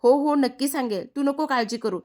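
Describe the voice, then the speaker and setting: Woman doing a bossy little girl coaxing her friend to play, teasing, highish voice. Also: brisk, a little mellow, natural voice. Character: spirited playful young girl, insistent and bossy.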